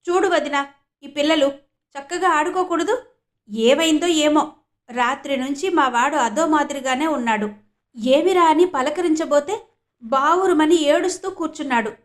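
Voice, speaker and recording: A woman voicing a bustling, chatty village mother who fusses and talks briskly. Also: sits high, pitched above the performer's own voice, lightly acted. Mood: fussing. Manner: brisk, fussing.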